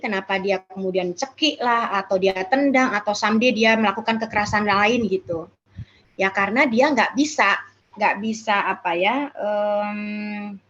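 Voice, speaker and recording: Woman speaker, fairly high voice, casual parenting talk, muffled recording. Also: a bit bright. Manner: casual explanatory, acts out children's voices. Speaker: child psychologist speaker. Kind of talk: parenting talk answering questions.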